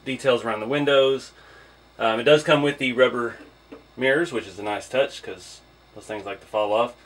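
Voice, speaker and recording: A hobby vlogger gives an informal, hands-on first look at an RC truck, thinking aloud as he goes. His medium-pitched voice is a bit bright.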